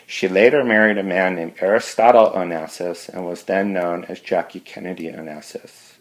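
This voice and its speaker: A male teacher with a very low, deep voice reads a novel aloud for his class. He stops now and then for friendly asides to his students. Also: steady tone, moderate pace, low-quality recording. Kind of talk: reading a novel aloud with commentary.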